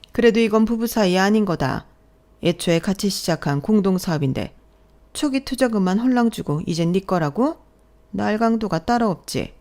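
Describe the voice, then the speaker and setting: A woman's voice: mid-range voice, expressive, normal speed, warm tone, pitched above the performer's own voice, close to an everyday voice. A woman voicing a brazen, scolding older mother-in-law who demands money, in a bossy, contemptuous radio-drama manner. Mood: indignant. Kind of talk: Korean radio drama story reading.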